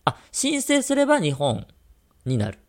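A man's voice: a little high, huge pitch swings, a little slow. A man co-hosting a radio-style podcast, chatting casually and teasing his co-host with jokes. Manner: teasing, joking banter.

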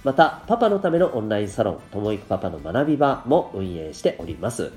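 A man's voice: on the low side, big pitch swings, fast talker, darkish tone. A man with a congested, nasal voice, talking politely and explaining things to listeners as a solo podcast host. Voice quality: nasal, stuffed-up voice. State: congested from rhinitis and dust. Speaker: podcast host and parenting coach. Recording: roomy, echoey sound with light music.

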